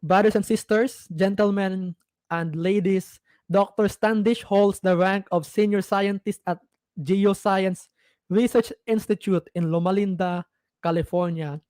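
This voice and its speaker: A man hosting a church evening, formally and deliberately introducing the guest speaker. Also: sits high, steady tone, darkish tone, no room sound.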